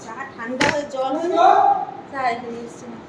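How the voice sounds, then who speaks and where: She speaks at a normal speed in a high voice, a middle-aged woman addressing her vlog viewers directly and casually, with plenty of repetition. Breathless from walking, she's recorded in an echoey space full of loud background noise.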